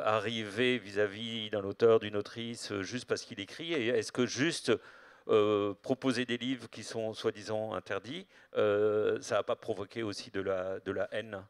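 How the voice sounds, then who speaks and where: A man hosting a literary interview, talking in a hesitant, meandering way with many filled pauses. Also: fairly low pitch, smooth, no room sound, clean studio sound. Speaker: interviewer, event host.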